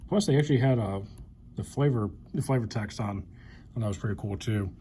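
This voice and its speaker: A young man hosting a card collector channel rattles off cards from an old collection a little fast, his lowish voice dark in tone and his commentary upbeat and chatty. The handheld camera mic picks up slight background noise.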